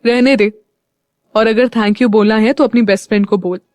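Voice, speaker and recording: A woman voicing a calm young man who teases his friends in an audio story. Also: fairly high pitch, normal speed, no room sound, clean studio sound, lightly acted. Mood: easygoing.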